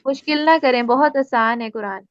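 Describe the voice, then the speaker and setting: A woman with a Pakistani Urdu accent, teaching Quran tajweed in a casual spoken lesson, explaining patiently and reciting examples slowly. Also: a little high, no room sound. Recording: dry, slightly muffled recording.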